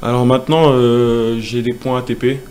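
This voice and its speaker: Man, 20s, from Senegal, tennis player guest, relaxed casual answers, middle pitch, faint background noise. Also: moderate pace. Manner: relaxed, casual, many fillers.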